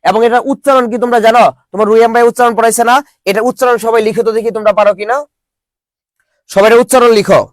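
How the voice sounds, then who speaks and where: A man's voice: very high voice, fairly even intonation, rapid-fire, no echo. A young man teaching a live online Bangla class, joking with students and drilling them with call-and-response questions.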